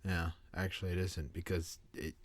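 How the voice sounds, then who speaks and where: A man's voice: low voice, flat delivery, moderate pace. A man co-hosting a podcast in casual chat, answering in short, dry, teasing remarks. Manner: dry, brief replies and teasing. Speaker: podcast co-host.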